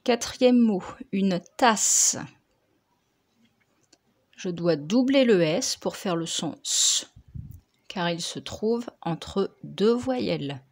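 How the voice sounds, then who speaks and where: Slow, deliberate woman teacher. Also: medium pitch, expressive, darkish tone. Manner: slow, deliberate, over-articulated words for young pupils. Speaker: primary school teacher. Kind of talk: slow dictation and spelling correction.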